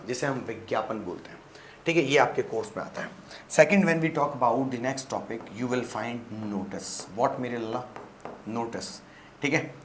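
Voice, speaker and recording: A man with a Rajasthani accent teaching a class, repeating each point, quizzing his listeners and mixing English phrases into his talk. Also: medium pitch. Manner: mixes English phrases into Hindi; clears throat often. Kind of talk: classroom-style lecture. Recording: echoey room with faint background hum.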